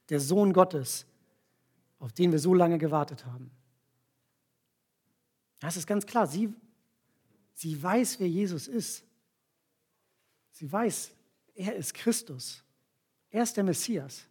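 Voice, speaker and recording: A man with a fairly high, husky voice preaches to a gathering. He retells a scripture passage step by step and has volunteers stand up to act it out. He checks in with his listeners with short tag questions as he goes. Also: lively intonation, a little mellow. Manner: explains slowly with frequent tag questions. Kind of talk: sermon with volunteer demonstration.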